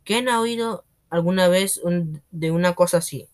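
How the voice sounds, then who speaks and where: Man doing a booming headmistress, bossy, scornful, roaring, high-set voice, storybook. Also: normal speed, natural voice. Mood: scornful, bullying. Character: bullying domineering female headmistress, booming and scornful.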